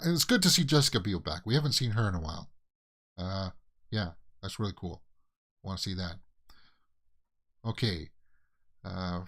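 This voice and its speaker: Man, Canadian accent, low-pitched, movie news host, rambling casual commentary, many fillers.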